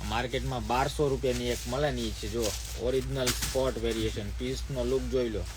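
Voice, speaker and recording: A man's voice: medium pitch, fairly even intonation, fairly quick, noisy background. A man who runs a shop and hosts a live sale from the air-conditioned shop floor. He sounds sleepy and chats with viewers, breaking off to give his staff orders. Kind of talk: live-stream sales talk.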